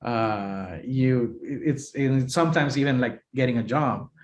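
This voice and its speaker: A man from Honduras hosts a relaxed podcast conversation, pausing often with fillers as he gathers his thoughts. His voice sits at an ordinary middle pitch. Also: lo-fi sound. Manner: hesitant, many fillers. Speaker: podcast host. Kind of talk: casual interview chat.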